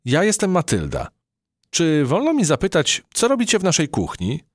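A man's voice: fairly high pitch, huge pitch swings, normal speed, no echo, studio quality, voice pushed up. A man voicing a feisty young female house mouse in a storybook reading, speaking boldly and indignantly. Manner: indignant, bold, curious.

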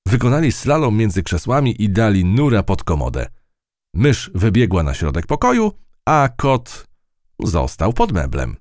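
A man narrating a children's storybook in an expressive, unhurried way. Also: lowish voice, dry recording, clean studio sound. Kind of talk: storybook reading.

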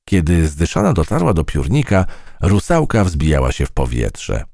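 A man with a very deep, gravelly voice reads a children's story aloud, swooping his intonation in wide, animated arcs. The sound is close and dry, with no room around it. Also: moderate pace, no room sound. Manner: expressive, storytelling. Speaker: audiobook narrator. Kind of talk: children's audiobook narration.

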